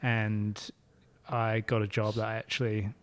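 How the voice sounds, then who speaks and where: A man in his thirties, born in France and raised in England, Dubai and New Zealand, talks through a casual podcast interview in his shop, relaxed and rambling, with many fillers and restarts. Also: on the low side, a little slow. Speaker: guest, shop owner.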